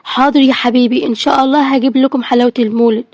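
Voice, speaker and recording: A woman with an Egyptian Arabic accent voicing a poor, worried widowed mother who speaks softly and pleads. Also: high voice, fairly even intonation, racing, no echo, dull audio.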